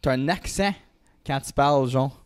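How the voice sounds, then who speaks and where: A man's voice: medium pitch, moderate pace, clean tone. A man with a Canadian French accent chatting casually as a podcast co-host. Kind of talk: casual chat.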